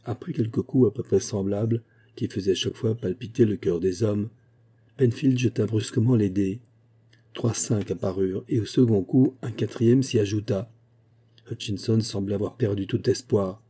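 A man reading a classic novel aloud as an audiobook narrator, measured and expressive. His voice is low and very dark, with a husky grain. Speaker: audiobook reader.

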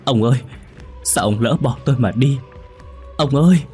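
A man's voice: on the low side, fairly quick, faint music behind, lightly acted. A man reading the lines of a frightened, grieving middle-aged wife in a ghost story, with a pleading, raised voice. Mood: distraught.

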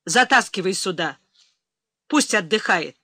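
A woman's voice: medium pitch, expressive, sharp tone, slightly rough, no room sound, clean studio sound, heavily acted. Woman voicing a grim growling male agent. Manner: slow, through clenched teeth, growling. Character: grim tough male special agent, commanding.

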